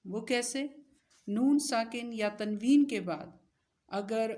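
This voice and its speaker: Woman teacher going step by step through recitation rules, asks then answers herself, spells letters out slow. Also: a little high, a little mellow.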